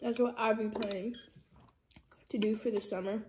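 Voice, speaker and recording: A woman's voice: mid-range voice, normal speed, slight background noise. A young woman vlogger chatting casually while eating, her mouth full of soup. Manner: relaxed, rambling, talking while eating. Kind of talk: casual mukbang chat.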